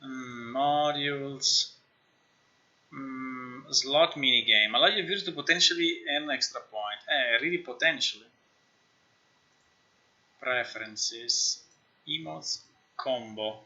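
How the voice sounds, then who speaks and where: At a slow pace with frequent pauses, a man speaks in a medium-pitched, bright, forceful tone, and the audio is dull. A non-native English speaker, he thinks aloud during a casual live stream at his indoor computer, muttering, repeating himself and swearing as he works.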